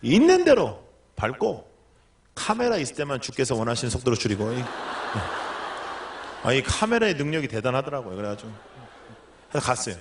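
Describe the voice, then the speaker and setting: A man's voice: medium pitch, big pitch swings, fast talker, long pauses, noisy background. A middle-aged male pastor preaching a sermon, telling a story and acting out the lines of the people in it.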